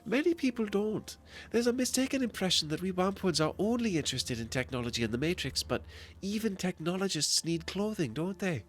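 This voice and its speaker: Casting: man doing an overly smooth, polished tailor, raised voice, animated lilt. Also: sits high, brisk, slight background noise, pitched above the performer's own voice. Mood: suave. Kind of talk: reading game dialogue aloud on a stream.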